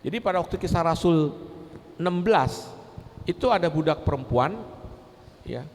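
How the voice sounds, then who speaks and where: A man's voice: on the high side, moderate pace, slight background noise. Man teaching in a reverberant hall. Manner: lively, conversational, with many rhetorical questions. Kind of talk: teaching talk with personal stories. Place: large church hall.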